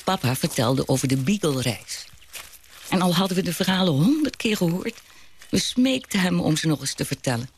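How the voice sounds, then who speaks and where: An actor voicing a grown child who wistfully looks back on a childhood home, in a radio drama. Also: male voice, fairly high pitch, animated, moderate pace, a little hiss or hum. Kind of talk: reflective radio drama narration.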